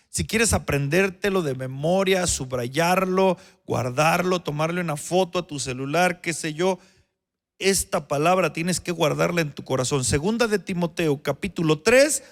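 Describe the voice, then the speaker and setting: A man preaching as a pastor, his voice pitched high for a man. It carries a gravelly rasp. He swings from loud, emphatic phrases down to low, quiet ones, repeats himself for effect and keeps asking his listeners questions. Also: moderate pace. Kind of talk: sermon.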